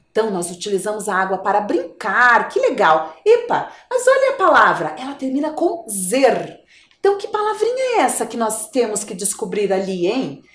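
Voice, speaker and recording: A woman's voice: on the high side, echoey room. A woman with a Brazilian Portuguese accent, a primary school teacher giving a video lesson to young children, coaxing them along in a sing-song voice and drawing out her words.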